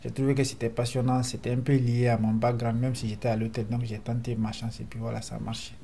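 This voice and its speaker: A man in his thirties from Guinea tells how he came to his studies in a relaxed, anecdotal way. His voice is mellow and his intonation stays even. Soft ambience hums behind him. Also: medium pitch, quick pace, vocal fry, a little hiss or hum. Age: 30s. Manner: relaxed storytelling. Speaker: master's student. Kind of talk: interview self-introduction.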